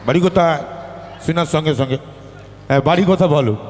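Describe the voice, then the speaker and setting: A man's voice: on the high side, fairly quick, a little mellow. A man anchoring a live stage show, joking with the audience and introducing the guest. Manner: joking, hyping up the crowd. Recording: stage PA with long reverb.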